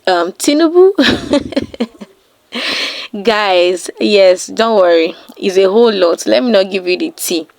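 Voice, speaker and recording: A woman's voice: lowish voice, creaky, no room sound. A woman hosting her reaction channel, chatting casually to her viewers and calling them "guys" again and again. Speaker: reaction vlogger. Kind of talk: casual reaction-video chat.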